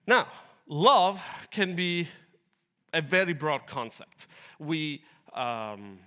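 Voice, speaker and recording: A man's voice: fairly high pitch, sing-song, very slow, pushed and bright. Italian-accented man preaching a sermon. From Italy.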